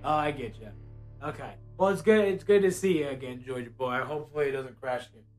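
A man in casual gameplay chat, playful and excitable, his voice jumping from low mutters to high calls. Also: fast talker, soft background music. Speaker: VR game streamer.

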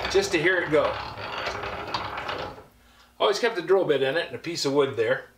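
Against a noisy background, an older man with a voice on the high side walks through his cluttered basement workshop, a woodworker giving a folksy, casual tour full of rambling anecdotes and dry asides. The room is echoey.

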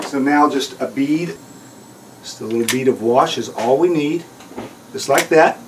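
A man's voice: medium pitch, darkish tone. Middle-aged Texan man, noisy room. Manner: plain, step-by-step explaining. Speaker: dentist and instructor. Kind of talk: instructional demonstration. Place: small dental treatment room, indoors.

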